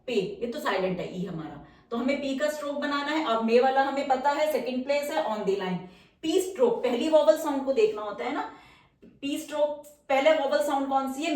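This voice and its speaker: A woman teaching shorthand at a whiteboard, patiently walking through each example and answering her own questions. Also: high-pitched. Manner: patient, repeats key terms, asks and answers own questions. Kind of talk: whiteboard lesson explaining step by step. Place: room with a whiteboard. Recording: echoey room, far from the mic.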